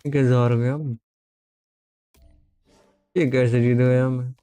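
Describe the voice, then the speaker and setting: A man's voice: medium pitch, flat delivery, slow, warm tone, smooth, no echo. A man from India live-streaming a game, chatting casually, teasing viewers and reading chat aloud, mixing in English phrases.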